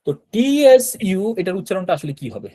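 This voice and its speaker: A man's voice: high voice, sing-song, quick pace, warm tone, rough recording. A man teaching a beginner online language class, explaining step by step and checking in with students with a frequent "right?". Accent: Bangladeshi Bengali.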